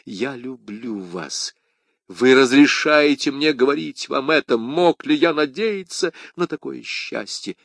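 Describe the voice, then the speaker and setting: A man's voice: medium pitch, animated, takes it slowly, vocal fry, a bit bright, no room sound, studio quality, pitched above the performer's own voice, heavily acted. A man voicing D'Artagnan, a proud, lovestruck young swordsman, speaking eagerly and exclaiming often in an audiobook reading. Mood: delighted.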